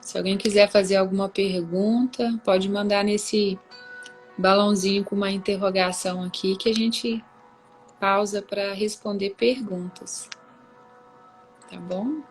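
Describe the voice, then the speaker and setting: Woman, casual devotional talk, live stream host, mid pitch, faint background music. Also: fairly even intonation, unhurried, poor audio. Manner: warm, conversational, with many tag questions. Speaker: host of a live book reading.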